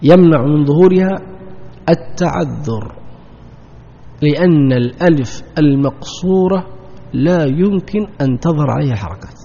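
Brisk and a bit high, with a dark tone, this man runs a grammar lesson by asking his students questions he then answers himself while repeating the important terms. It was recorded in a hall with a long echo, and the lo-fi audio is dull.

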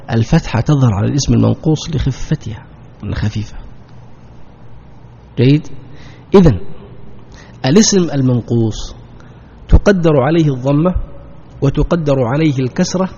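A man's voice: medium pitch, vocal fry, warm tone, slightly rough. A man teaching a grammar lesson, who asks his students questions and answers them himself, repeating the key terms. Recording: dull lo-fi sound in a long-echo hall.

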